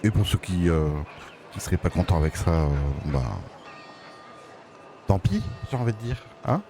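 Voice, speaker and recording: A man's voice: low-pitched, expressive, normal speed, noisy background. A man with a Belgian French accent giving casual, somewhat hesitant live commentary as a game streamer.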